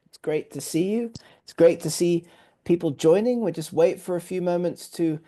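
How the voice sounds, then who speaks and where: A man's voice: high voice, moderate pace, mellow. Upbeat English man hosting a webinar. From England. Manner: upbeat and welcoming, lots of praise words. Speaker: webinar host. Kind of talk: live online webinar hosting. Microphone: video call.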